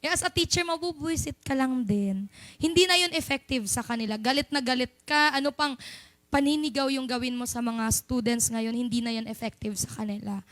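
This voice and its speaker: A woman's voice: sits high, brisk, fairly bright tone, dry recording. A young Filipino woman giving a chatty, playful sermon in church, mixing in English. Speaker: church speaker.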